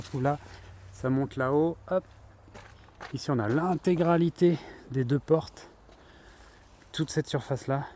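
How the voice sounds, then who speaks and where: Man, DIY vlogger, middle pitch, chatty work-along narration outdoors, faint background noise. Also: darkish tone. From France. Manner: chatty, thinking aloud with fillers while working. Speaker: van builder. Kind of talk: casual DIY vlog narration. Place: outdoors beside a van.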